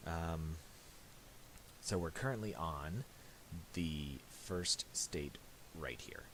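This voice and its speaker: A man with a bass voice presents a casual software tutorial, speaking haltingly and mumbling. The home recording is hissy and has clicks.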